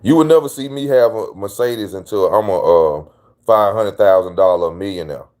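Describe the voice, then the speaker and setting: This is a man with a lowish voice talking straight to his channel's viewers. His commentary is casual and slangy. He drives his points home by repeating them. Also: moderate pace, darkish tone. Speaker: channel host.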